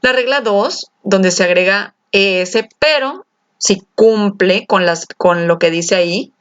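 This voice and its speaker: Lively teacher woman, lo-fi sound. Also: mid-range voice, slow, clear, resonant tone. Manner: lively, coaxing, asks the class questions and drags out key words. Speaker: English teacher. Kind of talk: explaining a grammar lesson to students. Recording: slightly dull lo-fi sound.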